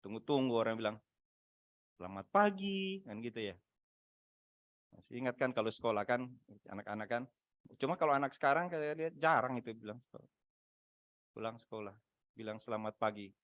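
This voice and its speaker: A man preaching a sermon over a video call, swinging between loud emphatic lines and quiet asides, often asking his listeners rhetorical questions. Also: medium pitch, expressive, a little fast, long pauses, no echo. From Manado, Indonesia. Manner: asks the congregation rhetorical questions. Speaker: pastor.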